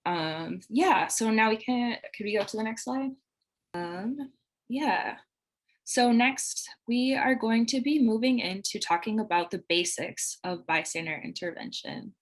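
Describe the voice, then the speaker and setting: A woman's voice: a little high, measured pace, rough recording. A woman facilitating a live online training over a video call, earnest and loose, with many "like"s and "um"s. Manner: earnest, heavy use of "like" and "um". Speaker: workshop facilitator.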